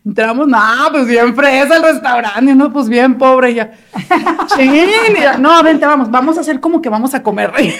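A Mexican woman in her forties with a high, bright voice tells a story in a relaxed conversation. She talks with animation, laughs often and acts out the other people's voices. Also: normal speed. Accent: Mexican Spanish. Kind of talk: casual storytelling chat.

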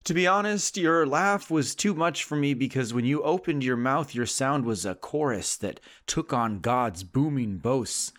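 Man reading as a sarcastic sitcom guy, earnest poem letter, mid pitch, rises on refrains. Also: lively intonation, measured pace, few pauses, a bit bright. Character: sarcastic adult male sitcom character writing an earnest letter.

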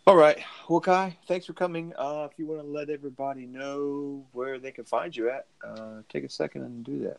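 A man's voice: fairly high pitch, fairly even intonation, moderate pace, creaky, few pauses. A man hosting a podcast, laid-back and chuckling in casual chat. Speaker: podcast host.

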